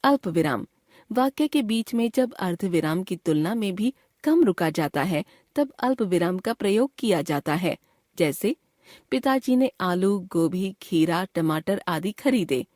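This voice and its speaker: A woman teacher reading a scripted grammar lesson in a clear, measured way. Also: fairly low pitch, animated, darkish tone, no echo, clean studio sound. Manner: clear, measured classroom explanation.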